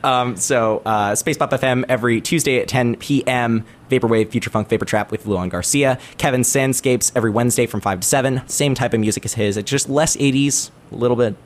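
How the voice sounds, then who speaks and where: Mid-pitched man, podcast host, teasing banter. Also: a little fast, few pauses. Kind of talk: casual podcast chat.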